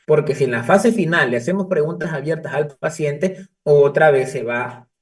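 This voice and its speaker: High-voiced male professor lecturing. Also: normal speed. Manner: conversational, tells case anecdotes with restarts. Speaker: psychology professor. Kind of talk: university lecture. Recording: distant mic.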